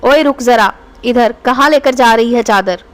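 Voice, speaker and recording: A woman voicing a harsh, greedy male shopkeeper who talks gruffly and scornfully in a storybook tale. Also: fairly high pitch, moderate pace, natural voice. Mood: angry.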